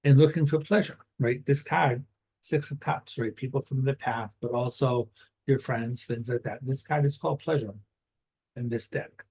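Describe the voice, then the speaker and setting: A man's voice: mid-range voice, fairly even intonation, moderate pace, darkish tone, slightly rough, rough recording. A middle-aged man giving a tarot reading for a star sign in casual, conversational talk, often tagging his phrases with "right?". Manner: conversational, keeps adding "right?" after phrases. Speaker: tarot reader.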